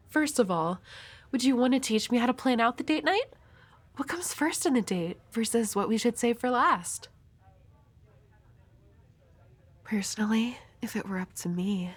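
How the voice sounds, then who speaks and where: A woman's voice: mid-range voice, natural voice. Himeno, a woman playing a flirty, world-weary devil hunter. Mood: flirty, teasing. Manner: teasing, coy, breathy at times. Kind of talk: intimate audio roleplay addressed to the listener.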